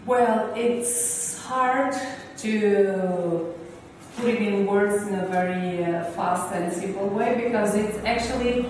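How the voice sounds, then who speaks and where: A woman's voice: mid-range voice, slow, darkish tone. Portuguese-accented woman in a very echoey hall. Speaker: visual and performance artist being interviewed. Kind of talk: reflective interview answers. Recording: echoey hall, distant mic, faint noise.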